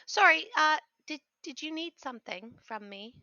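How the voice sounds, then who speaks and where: A woman playing a cheerful, scatterbrained adventurer in a tabletop game, chatty, polite and a little halting. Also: sits high, expressive, bright, forceful tone, lo-fi sound, pitched above the performer's own voice, heavily acted. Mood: bright, chatty.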